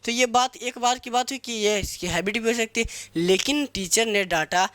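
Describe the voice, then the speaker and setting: A man's voice: extremely high pitch, moderate pace, pushed and bright, no room sound. Dry-voiced man teaching grammar. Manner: spells words letter by letter, asks and answers own questions. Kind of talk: Hindi-medium grammar lesson.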